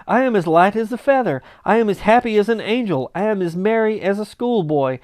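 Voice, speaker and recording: A man's voice: high-pitched, lively intonation, brisk, a little mellow, no room sound, studio quality, voice pushed up. A man voicing an elated, reformed old miser from a storybook, exuberant and full of repeated exclamations. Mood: giddy.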